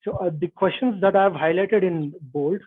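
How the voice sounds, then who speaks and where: This interview guest, a software tester, has a slightly high, somewhat rough voice that comes through thin and narrow because of a bad video-call connection. He hesitates often, peppering his speech with "like" and "uh". The audio is dry and close-up with no echo.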